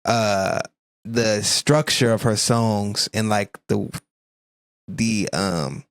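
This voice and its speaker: A man's voice: lowish voice, extremely slow, dry recording. A man with a Southern US accent, co-hosting a music reaction video and talking loosely, often searching for words. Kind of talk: casual chat.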